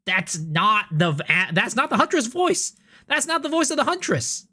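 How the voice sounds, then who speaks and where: A man streaming live games and reacting to clips, animated and prone to stammering and repeating words when he gets excited. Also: very high-pitched, normal speed. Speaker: game streamer.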